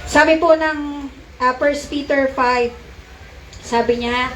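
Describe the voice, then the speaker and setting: A middle-aged Filipino woman pastor preaching a sermon, calling out to the congregation and slowing down to stress scripture. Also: sits high, steady tone, a bit bright, slight background noise. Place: church sanctuary. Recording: echoey hall from far off.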